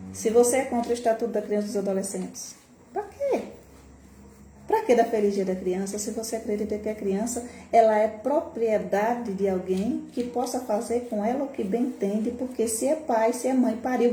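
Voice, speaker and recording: A Brazilian woman educator hosting a live stream, talking with passion and rhetorical questions, sometimes jumping high to mimic scolding adults. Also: brisk, hardly any pauses, dark tone. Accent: Brazilian Portuguese. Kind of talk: impassioned live-stream talk. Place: home room, recorded for a social media live. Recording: echoey room with faint background noise.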